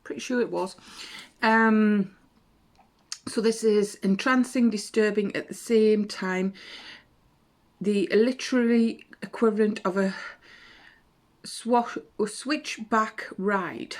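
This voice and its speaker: A woman's voice: mid-range voice, fairly even intonation, takes it slowly, long pauses. Woman, casual booktube chat, rambling and self-correcting, slight cough. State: has a cough. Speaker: booktube vlogger. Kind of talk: casual book chat to camera.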